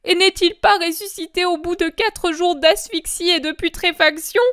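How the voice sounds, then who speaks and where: A woman's voice: very high-pitched, unhurried, a bit bright, no echo, clean studio sound, pitched above the performer's own voice. A woman voicing the grieving mother of Jesus, imploring and sobbing in a breaking voice, in a dramatic religious reading. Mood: pleading.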